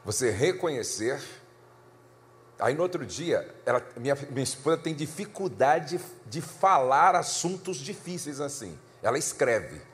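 Animated preacher man in a reverberant hall. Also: unhurried. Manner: animated storytelling, pitch climbing when excited. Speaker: pastor. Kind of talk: sermon.

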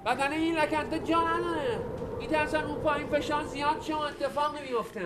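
Man putting on frantic shouting boatmen. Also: fairly even intonation, music in the background. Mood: urgent. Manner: shouted from a distance, high and strained. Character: frantic shouting men on a storm-tossed boat. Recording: noisy recording.

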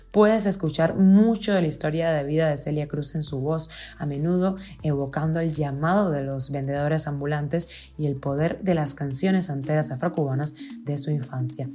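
A woman hosting a news podcast, reading the day's headlines in a steady, clear delivery. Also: deep voice.

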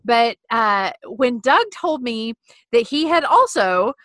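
A woman hosting a casual podcast, playful and quick to laugh. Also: a little high, no echo. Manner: laughs often, animated and playful. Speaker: podcast host.

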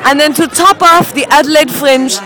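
A woman's voice: high voice, normal speed. A theatrical, effusive, slightly tipsy woman performer giving a casual audio update from a busy bar. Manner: theatrical, effusive, addressing listeners as darlings. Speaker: cabaret performer. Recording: loud music and crowd behind. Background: music and bar crowd.

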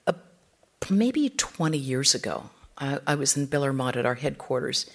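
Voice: medium pitch, husky. A spiritual teacher giving an informal talk, speaking conversationally and acting out the quotes in the stories.

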